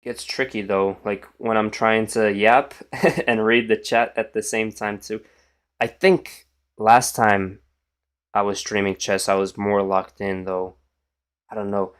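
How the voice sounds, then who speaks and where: A man's voice: lowish voice, level tone, measured pace, clean tone. A tired young man with a morning voice, thinking aloud as he streams chess and trails off into mumbles. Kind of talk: casual live-stream commentary.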